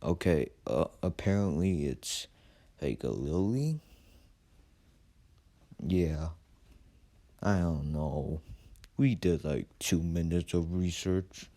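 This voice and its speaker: A man ad-libbing comic nature documentary commentary in a casual, deadpan, mocking manner. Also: deep voice, takes it slowly, pauses often. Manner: deadpan, casual, sweary mockery. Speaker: narrator of a parody nature documentary.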